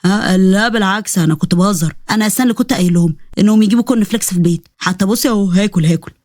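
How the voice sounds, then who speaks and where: A woman's voice: mid-range voice, very fast, mellow, no room sound, voice pushed down, lightly acted. A woman voicing a proud, sarcastic young man with an Egyptian accent, speaking in a dry, wry manner.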